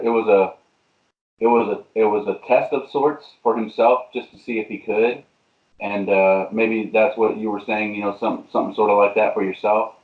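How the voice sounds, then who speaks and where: A man hosting a podcast, talking in a hesitant, affirming way with many restarts. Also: fairly low pitch. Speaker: podcast host. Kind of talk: casual interview conversation. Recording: echoey tinny phone-like audio.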